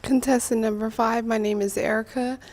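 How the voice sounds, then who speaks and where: A woman's voice: on the high side, steady tone, normal speed, darkish tone. Woman, contestant, confident, self-promoting.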